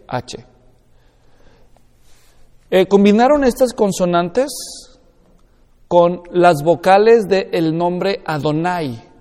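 Male Bible teacher, explanatory lecture, keeps checking understanding; slightly high voice. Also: a little mellow, big-room sound.

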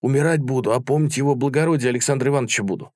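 A man reads aloud, voicing a tall, awkward soldier who eagerly retells a battle. He speaks in a rapid-fire, mid-range, slightly mellow voice pitched above his own but close to an everyday voice. The recording is studio quality with no echo.

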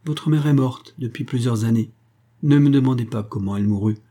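A man's voice: mid-range voice, fairly quick, warm tone, slightly rough, lightly acted. A man reading a storybook aloud, voicing a cunning, spiteful old grandmother who coaxes and wheedles. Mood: wheedling. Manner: wheedling, calls everyone dear.

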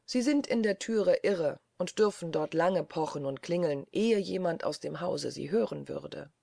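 A woman's voice: on the low side, expressive, a little slow, gravelly, mellow, no room sound, clean studio sound, exaggerated voice. A woman doing a hearty, fussing old official. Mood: jovial. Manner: jovial, fussing host. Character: hearty portly older male government official.

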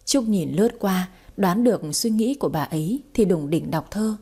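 A woman narrating a story aloud in a lively storytelling manner. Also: medium pitch, normal speed, breathy edge. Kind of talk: audiobook narration.

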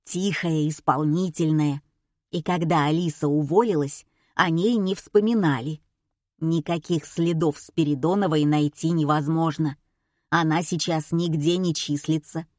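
A woman voicing a brisk male investigator who gives orders and lays out facts, in an audiobook. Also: deep voice, steady tone, darkish tone, dry recording, clean studio sound. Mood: matter-of-fact. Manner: commanding, matter-of-fact. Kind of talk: audiobook character voice.

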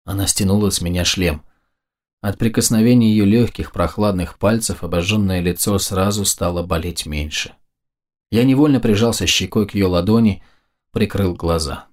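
A man narrating a first-person fantasy audiobook in a measured, even way. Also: deep voice.

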